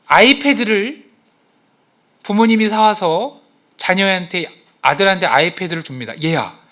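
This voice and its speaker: A man's voice: sits high, fairly quick. A male pastor preaching a sermon to his congregation in a church, acting out quotes and asking the listeners questions. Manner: animated, acts out quotes and exclamations. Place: church sanctuary.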